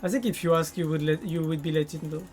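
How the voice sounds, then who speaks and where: French-accented woman streamer, lowish voice. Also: quick pace, a little mellow, soft background music. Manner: chatty, answers viewers' chat. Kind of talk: casual live-stream chat while gaming.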